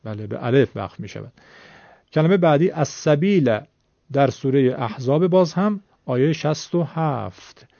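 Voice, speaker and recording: A man's voice: mid-range voice, animated, creaky, warm tone, dry recording. A man teaching a recitation lesson, explaining the rules patiently and repeating words so learners can follow. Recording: dull lo-fi sound.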